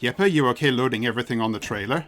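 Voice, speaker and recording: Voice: mid-range voice, racing, fairly bright tone, soft background music, close to an everyday voice. A streamer voicing Jan, a friendly island man with a Nordic accent who greets a newcomer in an easygoing way. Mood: welcoming.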